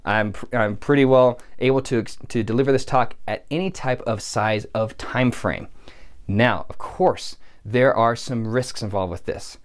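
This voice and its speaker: A man's voice: mid-range voice, measured pace. A man coaching public speakers in an earnest, encouraging way, often restarting and repeating words as he talks. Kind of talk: coaching video talk to camera.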